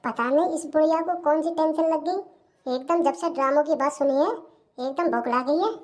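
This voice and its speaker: Bossy sly young bahu, as a voice actor puts her on, high voice, cartoon comedy. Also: normal speed, close to an everyday voice. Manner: bossy and sly, talks back. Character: sharp-tongued young daughter-in-law, scheming.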